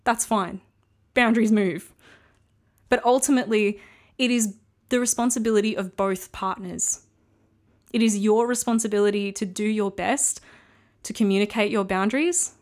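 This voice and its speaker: A woman's voice: medium pitch, fairly even intonation, normal speed. A woman hosting a solo podcast, talking casually and frankly as she gives earnest advice. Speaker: podcast host.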